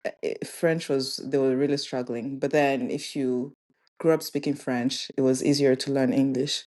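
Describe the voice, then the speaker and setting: Low mellow young woman from rwanda, guest on a podcast, easygoing with lots of ums. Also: moderate pace. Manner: relaxed, thoughtful, with frequent ums. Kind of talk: casual interview chat.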